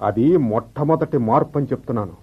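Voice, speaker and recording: Bitter reproachful husband, old radio show, husky, lively pitch, dull lo-fi broadcast sound. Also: male voice. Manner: slow, reproachful, reflective speech. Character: bitter middle-aged husband, a clerk left behind. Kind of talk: 1970s radio drama acting.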